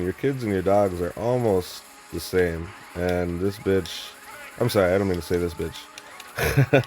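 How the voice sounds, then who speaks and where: A man's voice: deep voice, a little mellow. A young man telling a story in a rambling, blunt and profane monologue, full of restarts and fillers. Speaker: vlogger.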